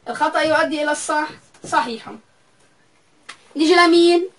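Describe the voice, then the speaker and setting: A woman teaches a recorded math lecture. Her voice sits high, and she works through the material step by step, saying each value aloud more than once. The mic is some way off, so she sounds a little distant. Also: a bit bright, a little hiss or hum.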